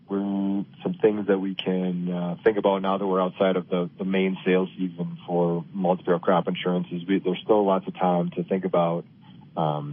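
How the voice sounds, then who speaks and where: An American man answering as a radio interview guest, halting and rephrasing as he goes. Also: deep voice. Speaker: crop insurance officer, interview guest. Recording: noisy narrow phone-like line.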